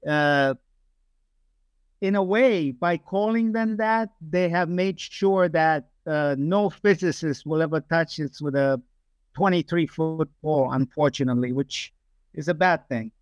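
Older guest from Romania, emphatic and rambling, fairly high voice, dry home video-call sound. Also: male voice, unhurried, clean tone, no echo. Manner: emphatic, digressive, frequent fillers. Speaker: guest, aerospace engineer. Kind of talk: casual interview over video call. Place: home room, indoors. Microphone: webcam video call.

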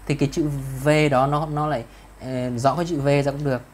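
A male English tutor with a Vietnamese accent speaks patiently over a video call, slowing down to model phrases. His voice sits at a middle pitch, with a faint hiss of noise behind it. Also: steady tone. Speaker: English teacher. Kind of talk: one-to-one online lesson, explaining in Vietnamese.

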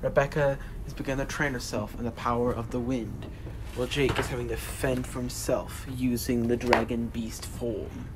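A man's voice: mid-range voice, little pitch movement, moderate pace. A man narrating a homemade fantasy adventure story as its storyteller. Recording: noisy homemade recording.

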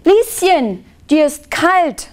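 A woman's voice: fairly high pitch, very animated, slow pace. A woman voicing a stern, impatient aunt in a children's story reading, coaxing and then scolding.

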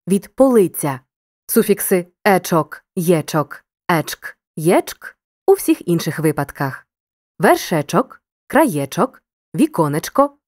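A woman teaches in a scripted lesson, speaking to the listener directly and pronouncing each example word with care. Her voice sits low, yet her intonation rises and falls with lively movement. The sound is dry and close, with no room echo. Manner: addresses the listener directly, clear dictation of examples.

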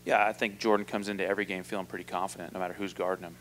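A low-pitched male basketball head coach gives flat, measured postgame press conference answers, restarting often and leaning on fillers. He speaks into a table mic in an indoor press room, with a little hiss or hum.

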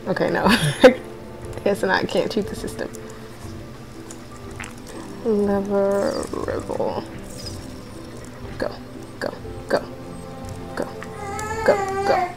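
A woman gamer with the hiccups gives casual, rambling commentary while she plays, laughing and cursing at her mistakes. Her voice sits in a middle pitch, and her words come slowly. Faint game music plays behind her. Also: creaky. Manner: laughs often, swears freely, talks to herself. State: has the hiccups. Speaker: let's play gamer. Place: at home with others nearby.

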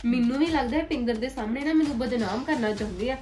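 Actress as young married niece: high, fast delivery, indignant and complaining; web series drama. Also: female voice, a little mellow, faint music behind, close to an everyday voice. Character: young married woman aggrieved at her in-laws.

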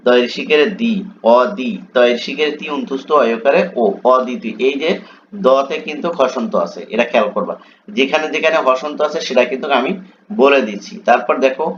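A male teacher giving an exam coaching lesson. He spells out words letter by letter and keeps asking his students "right?". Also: medium pitch. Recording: dull lo-fi sound with faint background noise.

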